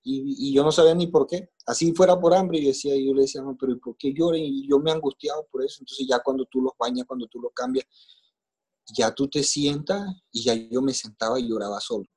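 Dark husky Colombian man telling his story. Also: mid-range voice, fairly even intonation, brisk. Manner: emotional, plainspoken, coarse slang, circling back with repeated phrases. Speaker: interview guest. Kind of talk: personal life story in casual conversation.

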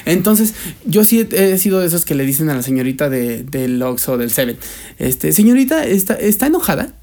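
Mexican male co-host, lively storyteller, mid pitch. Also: moderate pace. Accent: Mexican Spanish. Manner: animated storyteller, acts out quotes in high voices. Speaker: podcast co-host. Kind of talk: casual chat.

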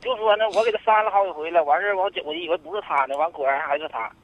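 A man's voice: sits high, expressive, racing, slight background noise. A man calling a radio show, rambling and hesitant, full of fillers. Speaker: caller. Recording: muffled phone line.

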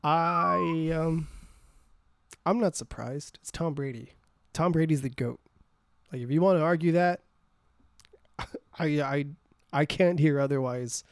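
A man's voice: a little high, a little slow, vocal fry, long pauses, clear, resonant tone, no echo, clean studio sound. A man co-hosting a podcast, chatting casually about sports, blunt and teasing, swearing freely. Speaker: podcast co-host.

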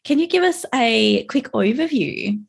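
A woman's voice: high-pitched, very animated, a little slow, gravelly, husky. A woman hosting a podcast, affirming and encouraging as she chats with her guest. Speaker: podcast host. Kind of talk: casual interview chat.

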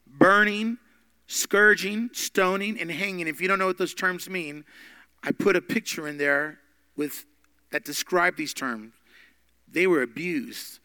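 A man teaching a Bible study podcast, emphatic, with big swings in loudness. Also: high voice, unhurried, smooth, dry recording.

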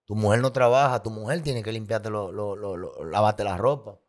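A man's voice: on the low side, normal speed. A man telling his personal story as a guest, candid and emotional, with vivid sound effects and repetition.

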